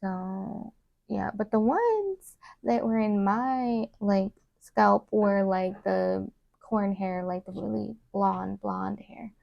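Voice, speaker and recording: A young woman chatting casually while doing her makeup, rambling with many fillers and trailing off into soft asides. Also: medium pitch, slow, creaky, no echo, muffled recording. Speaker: beauty vlogger. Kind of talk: casual get-ready-with-me chat.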